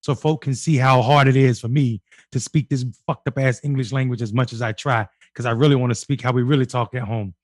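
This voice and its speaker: Casting: mid-pitched male host, loose joking profane banter, dry close mic. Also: steady tone, fairly quick, hardly any pauses, dry recording. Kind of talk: casual political chat.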